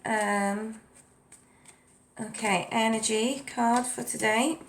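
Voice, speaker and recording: Woman doing a chill tarot reading at home, slightly high voice, lots of um and you know. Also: fairly even intonation, slow pace. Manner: chatty, many ums and you knows, reads card texts aloud. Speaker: tarot and oracle card reader. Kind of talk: casual spiritual card reading. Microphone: desk mic at a home setup with ring light.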